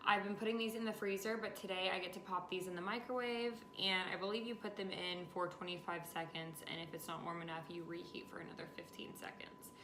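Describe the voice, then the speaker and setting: A woman's voice: fairly low pitch, steady tone, quick pace, hardly any pauses. A woman in her twenties chatting casually to camera in a home kitchen, explaining things step by step, a little tired while recovering from dental surgery. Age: 20s. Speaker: vlogger. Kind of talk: casual vlog chat to camera. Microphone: camera or phone a short distance away. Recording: echoey kitchen, clear background noise.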